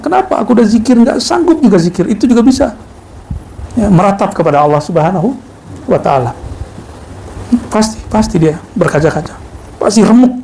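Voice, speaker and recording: A man's voice: on the high side, warm tone, slight background noise, poor audio. A man giving a religious lecture to a live audience, mixing jokes with recited Arabic verses. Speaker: religious teacher.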